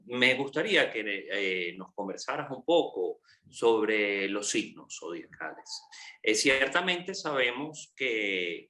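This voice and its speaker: Bright, lively male interviewer. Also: lowish voice. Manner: affirming, with long drawn-out questions and fillers. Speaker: interview host. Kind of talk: interview questions.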